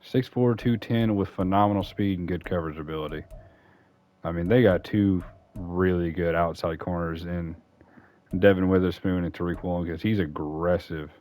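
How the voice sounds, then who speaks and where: A gaming YouTuber casually works through football franchise mode, rambling, chatty, and correcting himself as he goes. His voice sits low and a little mellow, with a steady tone at a moderate pace.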